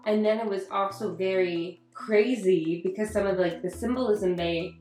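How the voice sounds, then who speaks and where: A woman's voice: mid-range voice, normal speed, darkish tone. A woman hosting a casual chat in an upbeat, playful manner. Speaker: host. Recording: roomy sound from a distant mic with faint music.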